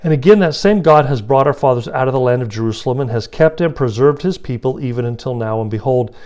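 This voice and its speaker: A man's voice: medium pitch, lively intonation, fast, darkish tone. Male scripture teacher, casual and chatty, mid-range voice, playful paraphrasing.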